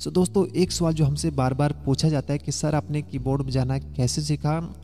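A man's voice: a little high, fairly even intonation, moderate pace, warm tone, long reverb tail, slight background noise. A man teaching a keyboard lesson in a chatty way, explaining step by step and sometimes humming song lines. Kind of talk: casual spoken music lesson. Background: faint keyboard music.

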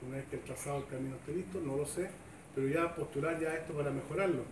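A middle-aged man with a Chilean accent, speaking at a club ceremony in a folksy, chatty way and pausing for nods of agreement. His slightly raised voice rings through a roomy covered shed. He is heard from a distant camera, with steady background noise. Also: a little high. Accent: Chilean Spanish. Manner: chatty, folksy, seeking agreement with tag questions. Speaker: government official giving a speech. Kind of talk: informal public speech. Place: open-sided covered sports shed, semi-outdoors. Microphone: far camera, no microphone.

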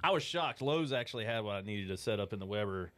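A low-voiced man tells a self-deprecating story close on a boom mic, with a dry, close sound. He laughs at himself as he goes. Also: expressive, fast talker, a bit bright, dry recording. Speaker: podcast co-host. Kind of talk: casual chat. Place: fly shop, indoors. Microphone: boom mic with headphones.

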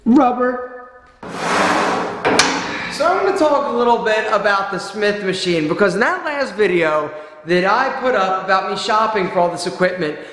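A man's voice: high voice, moderate pace, slight background noise. A man in his forties talking animatedly in a vlog, touring his home gym and gesturing as he speaks. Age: 40s. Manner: animated, emphatic, gesturing broadly. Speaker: fitness vlogger. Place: small home gym room, indoors. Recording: echoey bare room.

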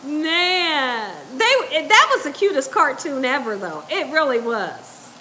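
High, slow-talking laughing woman streamer. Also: slight background noise. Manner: laughs often, animated and chatty, drawls words out. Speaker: cooking channel host reading live chat. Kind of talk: casual livestream chat. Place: home kitchen, indoors. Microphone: lapel mic.

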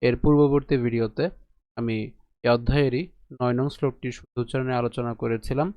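A man teaching correct Sanskrit pronunciation of a scripture verse, asking and answering his own questions, chanting slowly syllable by syllable. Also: medium pitch, steady tone, no room sound, highs cut off. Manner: explains and asks rhetorical questions. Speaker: Gita recitation teacher. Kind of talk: online pronunciation lesson.

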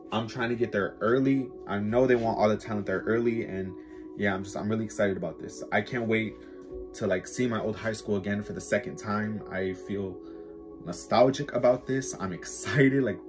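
Young man, casual vlog talk, lowish voice, excited and rambling, music underneath. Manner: excited, rambling, lots of fillers. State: sleepy, just woken up. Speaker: vlogger.

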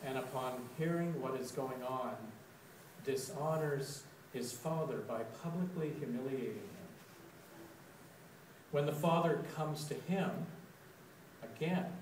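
A man giving a sermon reflection, telling a story slowly and deliberately. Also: medium pitch, darkish tone, slight background noise. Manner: slow, deliberate storytelling, with dramatic quoted outbursts. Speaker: preacher. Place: church sanctuary. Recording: echoey church, recorded from a distance.

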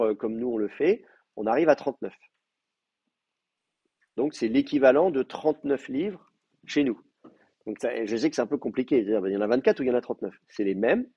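A man's voice: mid-range voice, mellow, husky. A man giving a classroom lecture, explaining step by step with many hesitations and checking in with his students. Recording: dull lo-fi classroom recording.

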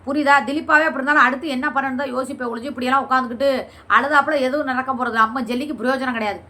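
A woman's voice: high voice, steady tone, very fast, bright, forceful tone. A woman vlogger answering viewer comments in a combative, scolding and sarcastic way. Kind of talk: heated reply to comments.

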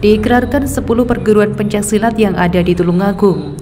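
A woman reading scripted news narration in a formal, measured manner as a reporter. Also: mid-range voice, warm tone.

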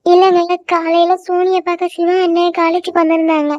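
A woman voicing a young cartoon wife who pleads and gets upset easily, with a whiny, squeaky voice. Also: level tone, fairly quick, darkish tone, no echo, dull audio. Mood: pleading.

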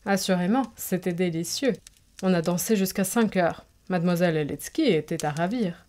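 A woman voicing a careless, lively young male officer in a storybook reading, speaking briskly. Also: fairly low pitch, natural voice. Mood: eager.

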